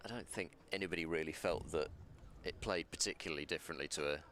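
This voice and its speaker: Cricket commentator, male, very low voice, measured ball-by-ball calling, faint crowd murmur under. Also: fairly bright tone, a little hiss or hum. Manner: measured, self-deprecating, stammers on restarts. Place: commentary box on a balcony above the ground.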